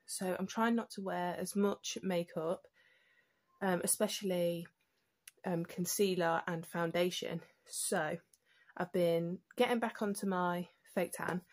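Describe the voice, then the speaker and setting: A young British woman with a fairly low voice talks through her skincare routine at home. Her nose sounds slightly blocked. She chats loosely to camera with frequent ums and self-corrections. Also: steady tone, slow pace. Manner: chatty, many ums and restarts. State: stuffy nose. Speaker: beauty vlogger. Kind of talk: casual skincare tutorial.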